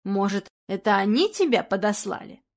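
A woman's voice: medium pitch, big pitch swings, normal speed. A woman voicing a nervous aging film actress who startles easily and talks in a flustered, anxious way. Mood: wary.

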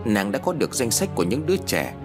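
A man reading a horror story aloud in a measured, expressive scripted narration. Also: on the low side, over music.

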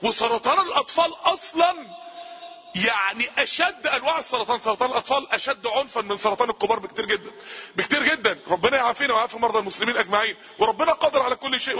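An Egyptian-accented man preaching at a very high pitch and a quick clip. His voice is bright and a little husky, and his impassioned delivery repeats key phrases and climbs to shouts. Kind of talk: recorded sermon.

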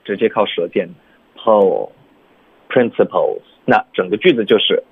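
A man teaching English pronunciation on a radio show, stretching words out slowly to demonstrate sounds. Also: fairly low pitch, breathy edge, dry recording. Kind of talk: radio lesson chat. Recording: tinny phone-like radio sound.

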